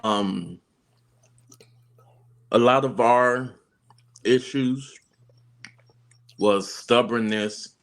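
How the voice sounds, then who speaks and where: A man co-hosting a casual relationship talk, reflective and halting as he works through his thoughts. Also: mid-range voice. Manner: reflective, halting with fillers and restarts. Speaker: co-host of a relationship channel.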